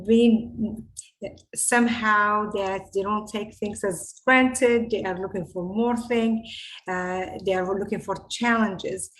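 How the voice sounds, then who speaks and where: A woman's voice: medium pitch, a little hiss or hum, low-quality recording. A middle-aged woman gives a lecture over a video call. She speaks earnestly and often restarts her sentences. The sound comes through a webcam microphone in an indoor room. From Morocco. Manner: earnest, halting phrasing with frequent restarts. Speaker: invited lecturer, scientist. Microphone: video call webcam mic.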